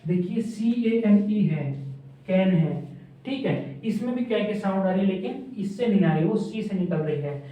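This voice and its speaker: A man's voice: sits high, expressive, normal speed, dark tone. A man teaching a shorthand class, repeating letters and quizzing his students as he draws strokes. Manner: repeats drills and asks the class questions. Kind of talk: classroom lesson at a board. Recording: echoey room, distant phone-like mic.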